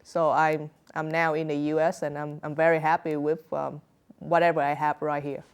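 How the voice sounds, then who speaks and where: A woman's voice: low-pitched, little pitch movement, normal speed, clear, resonant tone. A young woman from Vietnam with a Vietnamese accent, answering interview questions in hesitant, simple English full of fillers. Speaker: author guest.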